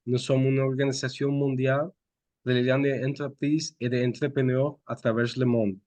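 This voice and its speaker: A man hosting an online meetup, opening it with a formal, measured welcome. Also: medium pitch, little pitch movement, a little mellow, no room sound. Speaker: host introducing a speaker.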